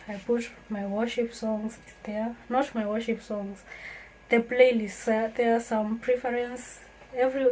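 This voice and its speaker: A Kenyan woman vlogger talks to her viewers on camera in a casual, earnest and reflective way. Her voice is a little high with a darkish tone. The recording is low quality, with slight background noise.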